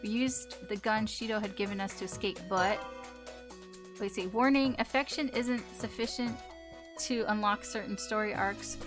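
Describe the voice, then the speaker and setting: A woman's voice: medium pitch, steady tone, moderate pace. A woman streaming a game, chatting casually, laughing often, and retelling scenes in silly mock voices. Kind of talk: casual let's-play commentary. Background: game music.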